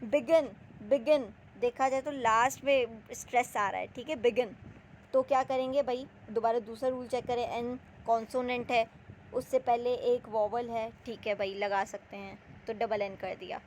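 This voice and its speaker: A woman's voice: fairly high pitch, steady tone, normal speed, slight background noise, rough recording. A woman teaching English spelling rules, explaining step by step and asking and answering her own questions. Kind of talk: spelling lesson.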